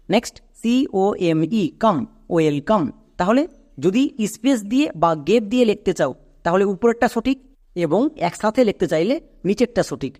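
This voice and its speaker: High-voiced man teaching spelling patiently. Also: a little mellow. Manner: patient, repeats each letter and asks rhetorical questions. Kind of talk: explanatory lesson, step by step.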